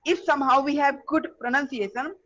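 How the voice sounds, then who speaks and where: A woman with an Indian English accent shares advice in a casual group discussion, her voice high and her delivery earnest, full of fillers and restarts. It sounds like a phone voice note, dull and lo-fi. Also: fairly quick, a bit bright. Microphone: phone voice message.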